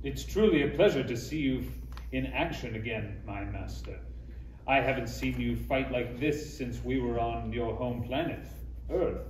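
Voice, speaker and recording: A man playing a haughty, menacing villain count in a comedy table read, with pompous, deliberate delivery. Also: medium pitch, darkish tone, natural voice. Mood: smug menace. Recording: roomy, distant mic, faint noise.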